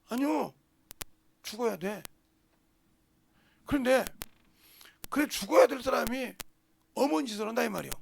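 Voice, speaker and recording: An older man preaching a sermon as pastor, forceful and blunt, jumping between loud outbursts and low murmurs. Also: vocal fry, a little hiss or hum. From South Korea. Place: church sanctuary.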